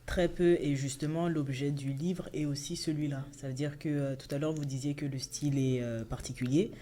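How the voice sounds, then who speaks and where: A woman's voice: sits low, fairly even intonation, moderate pace, dark tone, slight background noise. A woman author, a guest in a radio studio, explaining her aims in an earnest, impassioned way. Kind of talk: radio interview.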